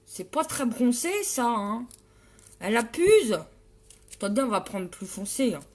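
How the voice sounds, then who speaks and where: A woman hosting a live makeup tutorial in a playful, teasing way, greeting viewers by name and hamming it up loudly. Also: on the high side, sing-song, a little slow. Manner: loud and exaggerated, hamming it up.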